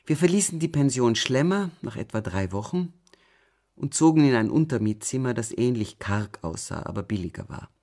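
A man narrating an audiobook in a calm, measured way, often going soft at the ends of phrases. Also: on the low side. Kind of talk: scripted narration.

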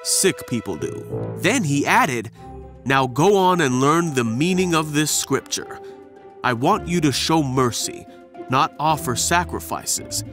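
A man narrating a children's Bible cartoon in a storybook manner. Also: a little high. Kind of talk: scripted narration.

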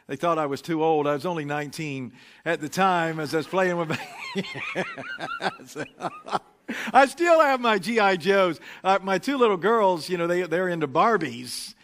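A man preaching a relaxed, anecdotal sermon into a pulpit microphone, pausing often with fillers. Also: high voice. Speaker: pastor. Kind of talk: conversational sermon. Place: church sanctuary.

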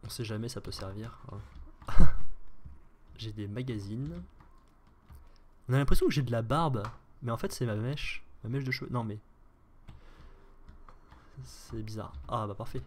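A man's voice: mid-range voice, normal speed, pauses often, a little hiss or hum. A man with a French accent giving casual, joking gameplay commentary as a streamer, thinking aloud as he plays. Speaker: gaming streamer.

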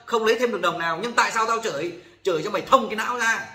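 A man's voice: sits high, very fast, bright, forceful tone. A man hosting his own channel, scolding and swearing at viewers in a blunt rant, acting out callers' words. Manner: acts out callers in quoted exchanges. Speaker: channel host warning about loan scams. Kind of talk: ranting monologue to viewers. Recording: echoey room.

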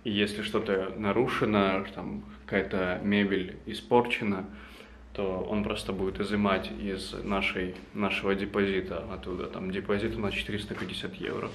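A man in his twenties, voice sitting low with a flat delivery and a moderate pace, casually addresses the camera as a vlogger. The recording comes from a handheld camera at arm's length in a small apartment room, noisy and full of room ambience.

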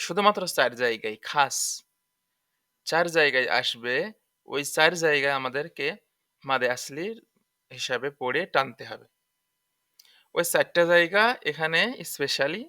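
A man's voice: mid-range voice, pushed and bright, smooth, no echo, studio quality. A man teaching a Quran recitation lesson, spelling out letters and vowel marks one by one and repeating each rule patiently. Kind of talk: tajweed lesson explaining letter by letter.

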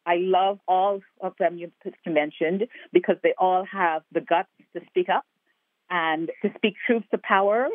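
Over a tinny telephone line, a woman from Guyana who works as an actor and playwright gives an earnest phone interview. Her voice is fairly low with no echo, and she builds her points through repeated phrases.

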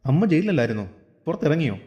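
A man's voice: a little high, very animated, rapid-fire, dark tone, muffled recording. A man voicing a concerned, earnest young son-in-law in a storybook reading, asking anxious questions.

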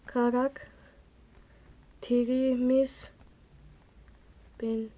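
A woman hosting a gaming channel, giving casual, excitable gameplay commentary, talking straight to her viewers and exclaiming at other players. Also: a little high, extremely slow, background noise.

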